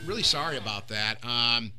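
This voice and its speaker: A man's voice: medium pitch, animated, normal speed, music in the background. A man hosting a podcast in casual chat, rambling loosely and swearing now and then. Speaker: podcast host. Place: Michigan recording room.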